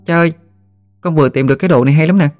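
A man's voice: a little high, rapid-fire, darkish tone, faint music behind, voice pushed up, natural voice. A man voicing a small, curious young child in a spoken story, asking eager questions in a raised voice. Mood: excited.

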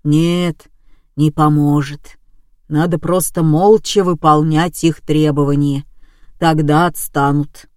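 A woman's voice: sits low, steady tone, takes it slowly, a little mellow, no echo, studio quality, voice pushed down. A woman voicing a meek, heavy, henpecked grown man who talks in a resigned, mumbling way.

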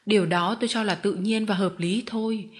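A woman narrating a storybook as an audiobook. Her reading is steady and measured, at an ordinary pitch for a woman. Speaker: audiobook reader.

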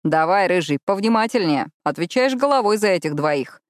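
Audiobook: gentle young lover voiced by a woman, low and close, dry sound. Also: brisk, no room sound, close to an everyday voice. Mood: joking. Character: tender young man, loving boyfriend.

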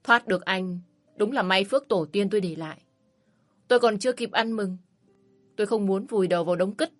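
A woman voicing a fiery, fed-up divorced young mother who talks sharp and scornful and shouts in anger in a storybook reading. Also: medium pitch, brisk, soft background music, natural voice. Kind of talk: storybook narration.

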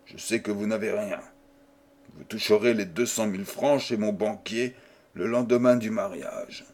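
A man's voice: fairly low pitch, fairly even intonation, moderate pace, darkish tone. A man reading an audiobook voices a proud old baron who scolds a young man with stiff, formal indignation. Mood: cold, formal. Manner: indignant, stiff and formal, then coldly businesslike. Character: stern proud old male baron, outraged.

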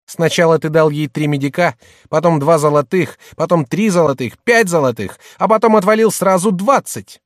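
A man reading an audiobook, voicing a middle-aged merchant's wife who mocks and shouts at her husband. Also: on the high side, moderate pace, dry recording, studio quality, close to an everyday voice. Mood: scornful. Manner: loud, mocking, hectoring.

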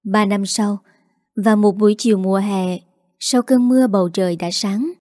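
A woman narrating an audio story in an even, measured way. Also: mid-range voice, no echo, studio quality.

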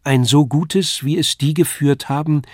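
A man's voice: a little high, unhurried, a little mellow, no room sound, clean studio sound, pitched above the performer's own voice. A man reading aloud, voicing an earnest young man who speaks in a heartfelt, pleading way. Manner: heartfelt, pleading, rising emphasis. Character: earnest young man asking his love home.

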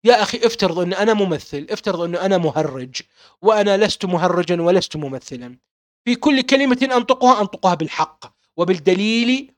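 Fervent high-pitched Levantine man. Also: no echo, studio quality. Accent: Levantine Arabic. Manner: insistent, fervent, many rhetorical questions and repetitions. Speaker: author and publisher. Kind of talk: impassioned monologue.

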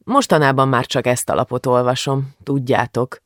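A man voicing a warm, cheerful middle-aged father in an audiobook, gentle and a little sheepish. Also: medium pitch, fairly even intonation, dry recording, studio quality, close to an everyday voice.

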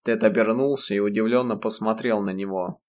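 A man narrating a novel in the first person, reading in a measured, even storytelling voice. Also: fairly low pitch. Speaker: audiobook narrator.

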